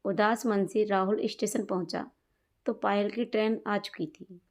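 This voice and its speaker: A woman storyteller reading scripted story narration in a steady, even way. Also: mid-range voice, measured pace.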